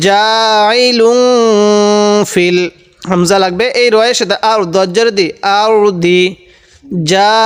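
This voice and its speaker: A man from Bangladesh teaches Quran reading, breaking each word into syllables and repeating it patiently. His voice sits high and sounds smooth and resonant. A long echo trails behind him, as if he were recorded in a hall. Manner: patient, spells out syllables and repeats words slowly; asks the viewer questions, then answers them himself. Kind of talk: step-by-step spelling lesson.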